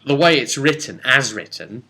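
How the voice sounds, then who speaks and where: With a sharp tone and an animated, medium-pitched voice, a British man moves at a moderate pace through a casual recap of a tabletop role-play session. As game master and host, he rambles, sounds chatty and wry, and often interrupts himself.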